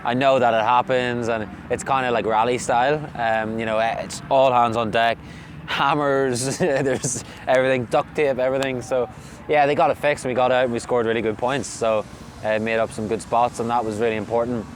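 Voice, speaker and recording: A male racing driver reflects casually in an interview. His voice is medium in pitch, with faint background noise around him. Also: steady tone, normal speed.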